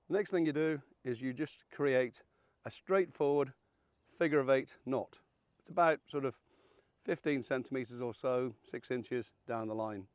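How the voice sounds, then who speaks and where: In a dry recording, a man in his seventies with a medium-pitched voice, croaky and hoarse from illness, shows how a fishing rig is put together. He hosts the channel and keeps the how-to loose, chatty, folksy and self-deprecating.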